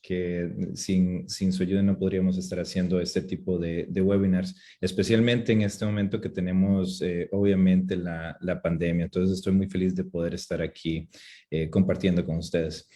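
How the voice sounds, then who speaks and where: A man from Costa Rica giving a webinar lecture from a home office, talking haltingly with many fillers and restarts. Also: sits low, level tone, warm tone. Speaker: webinar speaker. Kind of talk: lecture presentation. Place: home office with two screens.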